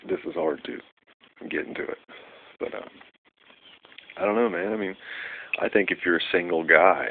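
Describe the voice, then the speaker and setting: A man's voice: deep voice, creaky. A young man rambling casually in a vlog, full of fillers and losing his train of thought. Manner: rambling, loses track, many fillers. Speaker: vlogger. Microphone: phone. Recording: tinny phone recording with faint noise.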